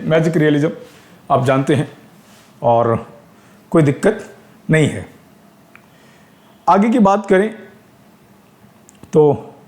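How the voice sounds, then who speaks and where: A male teacher with an Indian accent gives an exam-prep lecture in a somewhat higher voice. He explains step by step, asks his class questions aloud and mixes English terms into his talk. The room echoes around him. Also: a little mellow.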